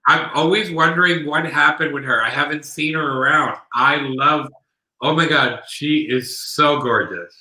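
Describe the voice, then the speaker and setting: A man's voice: fairly high pitch, moderate pace, sharp tone. A man guest in a casual chat, gushing and enthusiastic, on a video call. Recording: echoey room.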